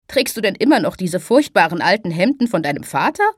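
A woman's voice: on the low side, very animated, fairly quick, slightly rough, no echo, studio quality. A woman voicing an affectionate, mildly chiding grandmother. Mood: fond. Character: warm, fussing grandmother, older.

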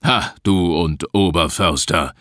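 A man voicing a gruff, grumbling old head forester in an audiobook. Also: low voice, slow pace, fairly bright tone, no echo, studio quality. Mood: grumpy. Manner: growling, curt.

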